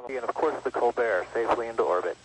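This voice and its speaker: A man's voice: medium pitch, quick pace. A man giving clipped procedural callouts over a crackly, breaking-up radio transmission. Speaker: launch control team member. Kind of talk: launch radio loop calls. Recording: distant, hissy radio channel.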